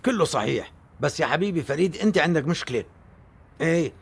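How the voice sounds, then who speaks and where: A man's voice: fairly high pitch, animated, fast, creaky, breathy edge, heavily acted. An actor with a Syrian accent playing a blunt, teasing middle-aged brother who needles his sibling with care. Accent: Syrian Arabic.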